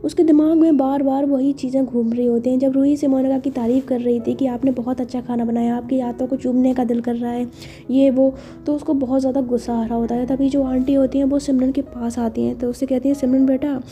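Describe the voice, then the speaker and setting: A woman's voice: sits high, level tone, fairly quick, dark tone, highs cut off, faint music behind. A woman telling a romance story in a chatty, casual way, full of fillers.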